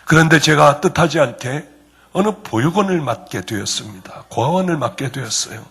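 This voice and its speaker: A male pastor preaching a sermon, telling a personal story and softly voicing the people in it. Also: animated, brisk, gravelly, slightly rough. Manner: acts out dialogue in soft low tones, rising emphatic at climaxes.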